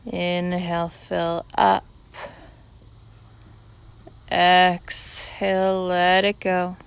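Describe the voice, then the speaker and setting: A woman instructing a guided yoga class, calmly cueing breath and movement in short, measured, unhurried phrases. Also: lowish voice, gravelly, smooth, low-quality recording.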